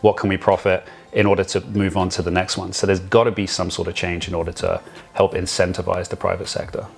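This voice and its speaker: A man's voice: deep voice, little pitch movement, fast, gravelly. A man co-hosting a real estate podcast, talking in a casual, rambling way with many restarts and the odd joke. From Vancouver area. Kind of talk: casual chat.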